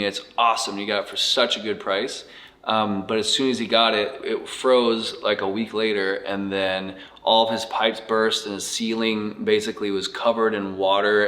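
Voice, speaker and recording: A man hosting a casual interview, reading out viewer questions in a quick, loose manner. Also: fairly low pitch, a bit bright. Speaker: interviewer and channel host.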